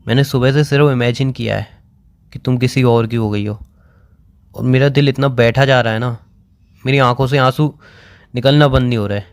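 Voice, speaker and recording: A man's voice: mid-range voice, steady tone, moderate pace, pauses often, no room sound, clean studio sound. A young man on a phone call, tearful and crying, pleading insistently and repeating himself. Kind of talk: emotional phone conversation. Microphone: phone call recording.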